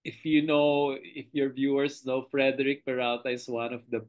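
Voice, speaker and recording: A middle-aged television director with a Filipino accent talks through behind-the-scenes memories in a relaxed interview. The delivery is animated and expressive, voice rising and falling with each story. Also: medium pitch, a little slow.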